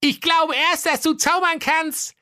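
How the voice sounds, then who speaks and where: Dr. Schulz, a squeaky cheeky dog. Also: male voice, steady tone, unhurried, pushed and bright, dry recording, clean studio sound, full character voice. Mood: cheeky taunting. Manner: high squeaky falsetto, taunting and wheedling. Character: cheeky talking male dog, smug flattering con man. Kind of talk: comic fairy-tale reading.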